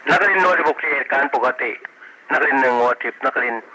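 A man's voice: medium pitch, fast talker, pushed and bright, rough recording. A man, a police station radio operator, giving a clipped, formulaic roll-call check-in heard over a walkie-talkie. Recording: hissy two-way radio transmission.

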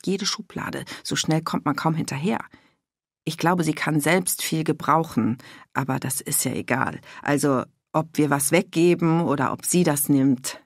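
Storybook mum, middle-aged, suspicious and outraged, read by a woman; low husky voice with fry. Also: no echo, clean studio sound, full character voice. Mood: chatty. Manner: agitated, voice cracking with outrage. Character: indignant middle-aged mother, gossipy and suspicious.

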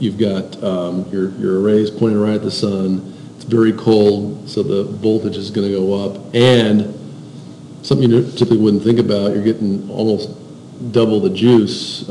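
Low gravelly dude teaching a class, kinda flat, roomy echo and some hiss. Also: male voice, normal speed. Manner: explanatory, pointing at slides, often repeats words. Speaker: instructor. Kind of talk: classroom lecture.

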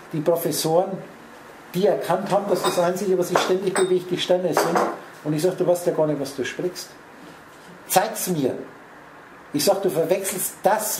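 A man holds forth on a spiritual theme, talking directly to a small audience and jumping between words and their letters. His voice is dark and mellow. The room echoes around him. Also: high-pitched, a little hiss or hum. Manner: rambling, addresses listeners directly with wordplay. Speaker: lecturer. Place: lecture room.

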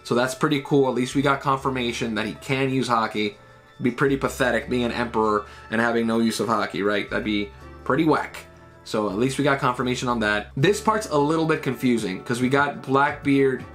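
Speaking briskly in a medium-pitched, fairly bright voice, a thirties-aged manga reviewer walks through a comic chapter with lots of fillers and "right?" asides. He records indoors on a webcam in a small home room, soft music playing underneath.

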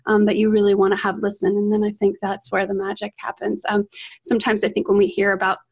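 A woman's voice: mid-range voice, monotone, fast talker, creaky, a little mellow, husky. A woman on a video call, a guest podcaster chatting with enthusiasm and lots of "like" and "right?". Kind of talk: casual video-call discussion.

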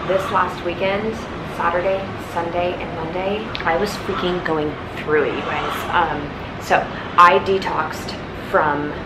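A woman's voice: lowish voice, steady tone, slow pace, poor audio. A woman in her thirties talking straight to viewers in a casual fitness vlog, earnest and emphatic, filming at arm's length. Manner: earnest, emphatic, addresses viewers as "you guys". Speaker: fitness vlogger. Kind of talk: casual vlog talk to camera. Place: apartment and gym. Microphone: handheld camera at arm's length.

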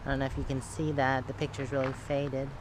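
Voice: mid-range voice, brisk. A vlogger narrating a road trip in a casual, chatty way, with fillers, filmed from inside a car and then outdoors on a hilltop. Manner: relaxed, chatty, with frequent fillers. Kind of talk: casual travel vlog narration. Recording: loud car and road noise.

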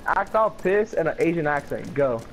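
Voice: mid-range voice, sing-song, moderate pace, vocal fry. A player teasing and egging on friends in a game's voice chat. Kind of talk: casual gaming banter. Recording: noisy game-chat audio.

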